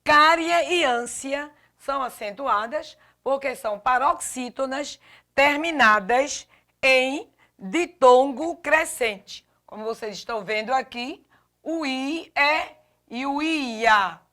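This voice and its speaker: Slow, deliberate woman teacher. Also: high voice, bright, forceful tone. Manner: slow, deliberate, spells out letters and stresses example words. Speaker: Portuguese grammar teacher. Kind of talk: classroom lesson.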